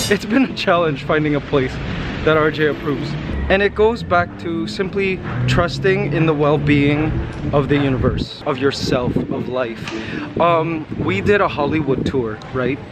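Male vlogger, thirties, high-pitched, exclamatory casual chat, recorded on a noisy city street. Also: a little slow. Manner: animated, exclamatory, talking while walking. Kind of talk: casual walking vlog chat. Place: outdoors walking along a residential city street. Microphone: camera held at arm's length. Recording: outdoor city street noise, passing cars. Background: street ambience and vehicles.

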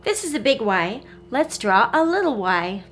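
A woman in her forties, an early-learning teacher and host, leads a phonics lesson and read-aloud for young children in a small furnished room at home. Her voice is a little high, sing-song and fairly bright, moving at a moderate pace with encouraging, careful enunciation. There's slight background noise.

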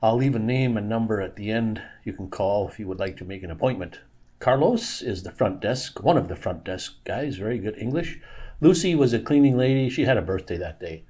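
A man's voice: fairly low pitch, expressive, fairly quick, dark tone, slightly rough, highs cut off. A man in his sixties narrating a casual vlog in a dental clinic, chatty and plain-spoken, laughing at himself. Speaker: vlogger.

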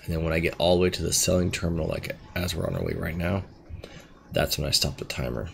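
Gravelly low-voiced man, laid-back. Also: steady tone, fast, slight background noise. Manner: laid-back, rambling, thinking aloud. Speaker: gaming video host. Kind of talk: casual gameplay commentary.

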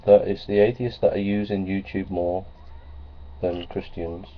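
At a measured pace and with a flat delivery, a low-voiced middle-aged man talks into a webcam at close range for a casual vlog. Plainspoken and repetitive, he uses lots of ums and uhs and repeats phrases. Framed certificates decorate his small office, and the audio is dull and lo-fi, with a faint hiss.

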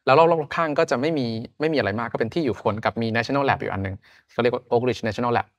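A man's voice: mid-range voice, animated, a little fast, no echo, dull audio. A man from Thailand in his thirties, a podcast guest chatting casually in loose, slangy talk. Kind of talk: casual chat.

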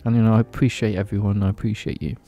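In a small padded attic room, a twentysomething podcast co-host speaks into a boom-arm mic, rambling tipsily and repeating phrases as though drunk on whiskey. His fairly low voice is rapid-fire and mellow with little pitch movement, and faint music sits behind him.

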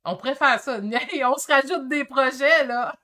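An energetic woman in her fifties with a Québécois French accent, hosting a casual painting livestream. Her voice sits a little high, and she talks in eager bursts that swing between loud and soft. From Quebec. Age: 50s. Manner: excitable and chatty, quick shifts in energy. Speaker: painting channel host. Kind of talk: casual livestream chat reading comments.

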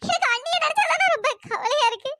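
A woman's voice: very high voice, expressive, fast, pushed and bright, no echo, heavily acted. A woman voicing a worried younger sister in a cartoon story, earnest and pleading.

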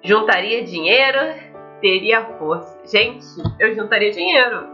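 A young Brazilian-accented woman plays through a visual novel at home, reading it aloud and offering casual commentary to her webcam. Her mid-range voice is pushed and bright and a little slow, and the muffled lo-fi recording carries game music and slight background noise.

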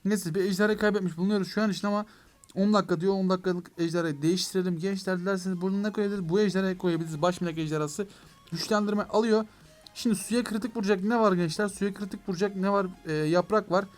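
A young man with a high voice gives quick, excitable commentary while playing a mobile game. He talks straight to his viewers and to the game itself, breaking into mock frustration when things go wrong. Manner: excitable, addresses viewers as "gençler". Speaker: gaming YouTuber.

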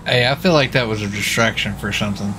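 In a roleplay game, a man playing a US Marshal chats casually, rambling and repeating himself. His voice is fairly low and he talks fast. Steady game vehicle noise sits behind him, along with in-game car and city sounds.

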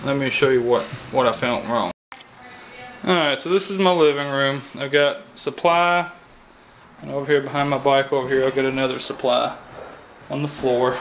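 Filmed on a camera mic in a low-quality recording with slight background noise, a Kentucky-accented man in his thirties explains heating and air repair outside by an AC unit and then indoors. His mid-range, slightly bright voice moves at a moderate pace. The HVAC tech is folksy and casual, thinking aloud and often saying "all right."

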